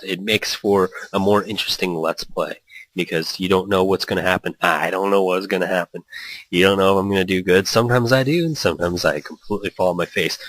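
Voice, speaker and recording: A man with a deep, slightly bright voice hosts a gaming let's play, reading story text aloud with playful, rambling asides and small stumbles over the lines. The recording is dry and rough.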